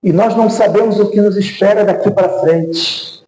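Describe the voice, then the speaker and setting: A man's voice: high-pitched, steady tone, moderate pace, mellow. A man with a Brazilian Portuguese accent preaching a sermon as pastor, emphatic and repeating refrains. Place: church sanctuary. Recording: echoey church sanctuary.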